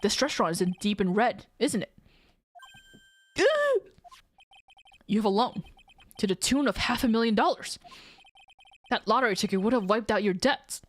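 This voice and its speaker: A woman playing through a game, casually commenting and reading its dialogue aloud with expressive delivery. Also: medium pitch, brisk, dry recording.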